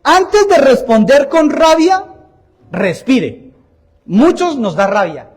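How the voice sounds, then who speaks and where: A man with a very high voice preaches a Sunday homily in a church, speaking slowly with big swings in pitch. He is emphatic and repetitive, putting direct questions to the congregation and joking about himself.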